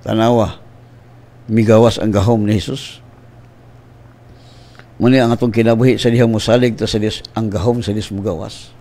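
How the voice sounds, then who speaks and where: A man with a Cebuano accent, a pastor preaching and praying on the radio, mixing in English phrases and breaking into sudden high shouted bursts. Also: fairly even intonation, normal speed, long pauses. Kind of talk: radio sermon and prayer. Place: radio studio.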